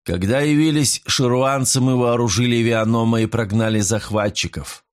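A man's voice: mid-range voice, normal speed, natural voice. A male councillor who recounts old events plainly and matter-of-factly, as a reader gives him voice. His tone is a little raised and firm. It is read as part of an audiobook. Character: Aganhan, male councillor recalling old war.

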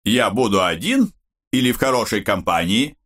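A man's voice: sits low, very animated, measured pace, creaky, heavily acted. A man voicing an ironic young man who jokes with nervous bravado in a wry, bantering way. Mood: joking.

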